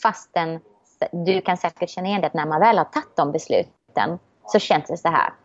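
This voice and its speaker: Reflective woman, slightly low voice. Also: no echo, lo-fi sound. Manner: reflective and optimistic, many restarts. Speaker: guest. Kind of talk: casual conversation.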